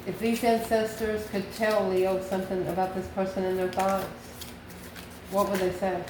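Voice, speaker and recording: A tarot-reading channel host from the US delivers an intuitive reading to the viewer, her musings coming as short, repeated phrases and questions. Her medium-pitched voice shows little pitch movement and keeps a moderate pace. Background noise is clear, and the room echoes.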